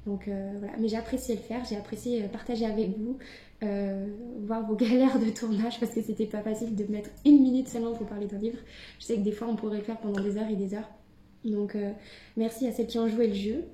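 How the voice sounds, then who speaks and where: A woman's voice: mid-range voice, steady tone, fairly quick, mellow. A young woman book vlogger chatting casually to camera at home, hesitant with many fillers and restarts. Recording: echoey room.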